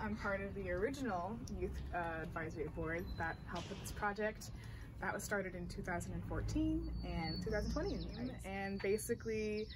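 A woman's voice: mid-range voice, background noise. Young woman with a chatty tour-guide manner, voice distant and echoing in a large empty indoor room. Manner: chatty, with frequent likes and sort ofs. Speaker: youth advisory board member. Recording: roomy echo, from far off.

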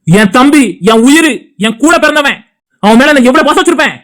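A husband in a cartoon who is fierce and loyal to his brother, scolding his wife in a Tirunelveli Tamil accent, as a woman acts him out. The voice is high and the words rush out fast, full of heat and insults. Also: natural voice. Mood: angry scolding. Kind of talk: cartoon dialogue acting.

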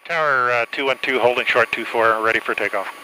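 A man's voice: medium pitch, fairly even intonation, fairly quick. An older man talking over a pilot headset in a small plane cockpit, making radio calls and talking to himself. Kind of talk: aviation radio calls and cockpit self-talk. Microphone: pilot headset microphone. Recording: loud engine noise, pilot headset intercom.

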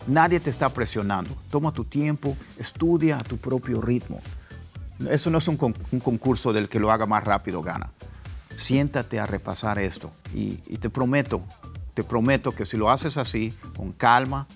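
A man teaching an online pronunciation lesson, repeating words slowly for drill. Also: mid-range voice, gravelly, faint music behind. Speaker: English teacher.

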